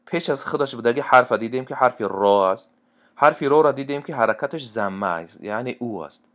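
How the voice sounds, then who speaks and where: Smooth-voiced man teaching tajweed. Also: medium pitch, fairly bright tone. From Tajikistan. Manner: plain explanatory talk, repeats and restarts, then slow drawn-out chanted recitation. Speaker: Quran recitation teacher. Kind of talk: explaining tajweed rules, casual teaching.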